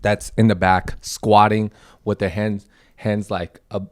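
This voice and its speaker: With a lowish voice, flat delivery and an unhurried pace, this young Taiwanese co-host of a casual comedy podcast tells rambling stories. He acts out quotes as he goes.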